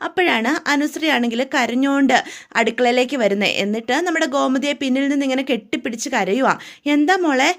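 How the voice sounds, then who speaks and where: A woman's voice: high voice, fast talker. A woman narrating a story recap in a chatty, casual way, often turning to address the listener.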